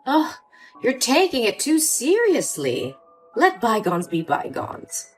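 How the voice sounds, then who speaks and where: A woman's voice: fairly high pitch, huge pitch swings, slow pace, heavily acted. A woman voicing a cold, condescending older mother in a story drama, with faint music behind. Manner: cool, condescending.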